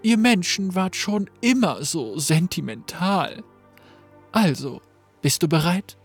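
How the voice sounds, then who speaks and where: A man's voice: high-pitched, sing-song, slow, slightly rough, faint music behind, heavily acted. A man reading the lines of a mocking villainous sorceress in a game story. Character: scornful villainous sorceress woman.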